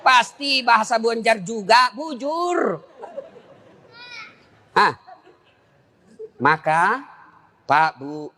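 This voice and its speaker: A man delivers a humorous sermon with a bright, cutting tone, leaping between high and low voices. He throws rhetorical questions at his listeners. His voice rings through the long reverb of a large hall. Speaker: Islamic preacher.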